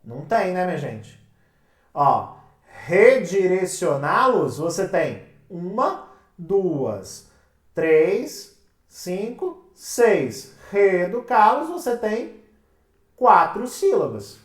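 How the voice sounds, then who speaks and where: With a lowish voice, big pitch swings and drawn-out words, a woman teaching exam prep in a Brazilian Portuguese accent questions her class and then supplies the answers, calling them "minha gente". The sound is roomy, picked up by a mic set far away.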